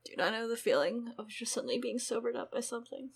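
A young woman co-hosting a podcast, talking through a book chapter in a quick, animated, casual way. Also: a little high, slightly rough. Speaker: podcast co-host.

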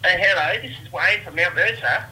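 A man's voice: high voice, a little fast, sharp tone, husky, pitched above the performer's own voice, heavily acted. A man voicing a rowdy, tipsy, middle-aged football fan calling a radio show, with an Australian accent, slurring and repeating "mate". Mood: excited. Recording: noisy phone line.

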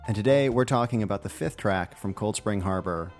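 A man's voice: on the low side, brisk, a little mellow, faint music behind. A man hosting a podcast, chatting casually in a playful, joking way. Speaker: podcast host.

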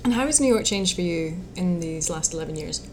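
A woman with a Scottish accent hosting an interview, asking questions in a relaxed, easygoing way with fillers. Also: on the low side, a little fast, a little hiss or hum. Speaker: interview host. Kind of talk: casual interview.

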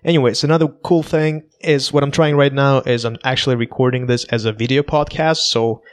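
A man's voice: medium pitch, steady tone, fairly quick. A man in his twenties from Kazakhstan with a Russian accent, hosting a casual solo podcast on a laptop, talking in a hesitant, self-conscious way with many restarts. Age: 20s. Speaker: podcast host.

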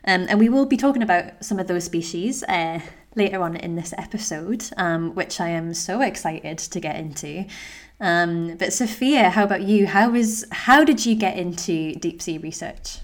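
A woman's voice: fairly low pitch, normal speed. A woman hosting a podcast, chatty and enthusiastic. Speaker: podcast host. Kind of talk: casual interview chat.

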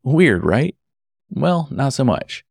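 A man's voice: mid-range voice, sing-song, slow pace, vocal fry, darkish tone, slightly rough, no room sound, clean studio sound. A man who works as an event photographer, narrating a personal story in a conversational way with wry asides to the listener.

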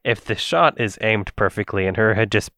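Casting: male tabletop player, low voice, loose rambling delivery, dry sound. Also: moderate pace, sharp tone, dry recording. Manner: rambling, thinks aloud with many fillers. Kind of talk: casual tabletop game chat.

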